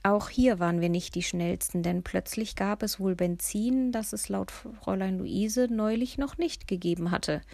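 Gravelly woman narrating a storybook. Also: medium pitch, normal speed, hardly any pauses, dry recording. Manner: lively, humorous, often hushed into whispers. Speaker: audiobook narrator. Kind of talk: scripted first-person storybook narration.

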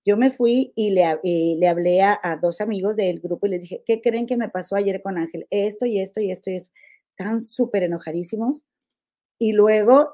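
A woman in her forties with a Mexican accent, hosting a podcast and telling a personal story in a confiding, animated way. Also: medium pitch. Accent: Mexican Spanish. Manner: confiding, animated, many fillers and repeats. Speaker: podcast host. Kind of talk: casual storytelling to listeners.

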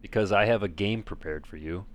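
Low-voiced dude, blunt dry teasing, casual podcast talk. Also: male voice, fairly quick. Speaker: podcast co-host. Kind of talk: casual chat.

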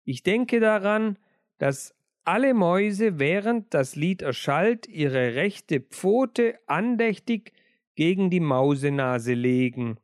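A man voicing a fat, pompous male mouse in a storybook reading, speaking slowly and solemnly. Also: high-pitched, expressive, no echo, clean studio sound.

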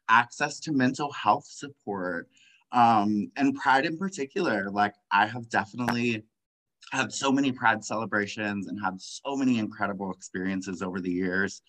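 An impassioned young man in casual conversation, dropping "like" after "like" and breaking into short laughs. His voice is bright and forward. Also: fairly low pitch, unhurried, low-quality recording. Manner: impassioned, many "like" fillers, frequent laughs. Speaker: guest.

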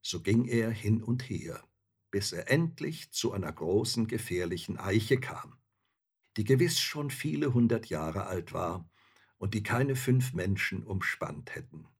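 Man reading a fairy tale slowly, kinda husky voice. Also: on the low side, expressive. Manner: slow, measured storytelling. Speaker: narrator.

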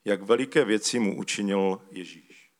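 Man preaching a conversational sermon. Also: fairly low pitch. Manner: conversational, calls for slides mid-talk; uses loose spoken fillers and restarts. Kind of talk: sermon with scripture reading.

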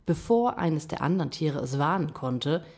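A woman reading a fable aloud in a measured, expressive way. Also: sits low. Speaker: storyteller. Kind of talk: reading a children's story aloud.

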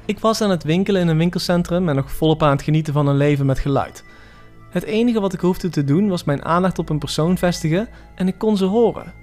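Man narrating a horror story, slightly high. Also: a little mellow, soft background music. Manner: measured, dramatic first-person storytelling. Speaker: podcast narrator.

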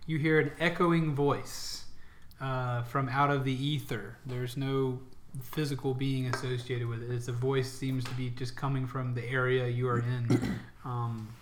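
A man's voice: mid-range voice, little pitch movement, a little slow, a little hiss or hum. A man improvising narration as the game master of a tabletop role-playing game. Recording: roomy, echoing room sound.

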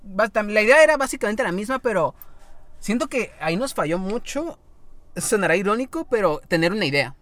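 A man's voice: high voice, sing-song, fairly quick, a bit bright. A young man with a Mexican accent, co-hosting a casual podcast in a rambling, crude and easily amused way. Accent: Mexican Spanish. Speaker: podcast co-host. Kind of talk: casual chat.

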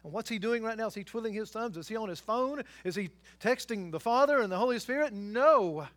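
Pastor, male, high-pitched voice; fervent sermon, swells from quiet to loud exhortation. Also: animated, fairly quick. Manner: emphatic, building to loud exhortations with rhetorical questions.

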